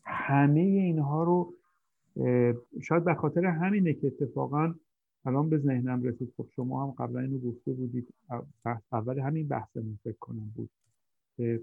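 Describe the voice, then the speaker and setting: A man's voice: medium pitch, fairly even intonation, gravelly, breathy edge, dry recording. A man hosting a conversational discussion, talking hesitantly as he searches for his words. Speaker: host. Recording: dry tinny phone-like line.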